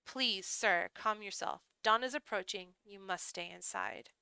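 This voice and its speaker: Formal male butler, voiced by a woman, polite, measured, very clear tone, game character. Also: medium pitch, bright, forceful tone, dry recording. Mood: urging calm.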